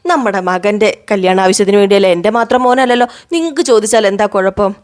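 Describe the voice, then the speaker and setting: A woman's voice: medium pitch, quick pace, natural voice. A woman voicing a firm, reproachful middle-aged husband who refuses to ask his mother for money.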